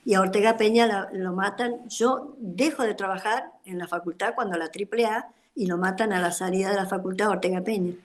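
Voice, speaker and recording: An older Argentine woman tells her story over a video call. She rambles and fills her pauses with many hesitations. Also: medium pitch. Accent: Argentine Spanish. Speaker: guest speaker, former activist. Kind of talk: testimony in an online political talk.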